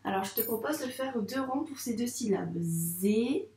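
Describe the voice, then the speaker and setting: A woman's voice: on the high side, a little fast, a little mellow, echoey room. A woman teaching first-grade phonics to young children, patiently stretching out sounds and syllables.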